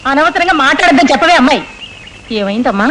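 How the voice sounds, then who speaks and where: An actress playing an older, sharp-tongued wife who complains in tart asides, in a film comedy. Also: female voice, high voice, lively intonation, quick pace, noisy background. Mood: complaining. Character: bickering old wife, sharp-tongued and aggrieved.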